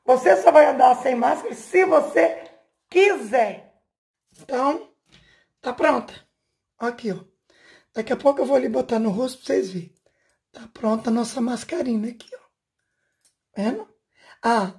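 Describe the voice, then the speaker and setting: On the high side and a little mellow, this woman's voice carries a casual home craft tutorial. A craft channel host working with her hands in a home room indoors, she chats through each step and keeps asking the viewer questions.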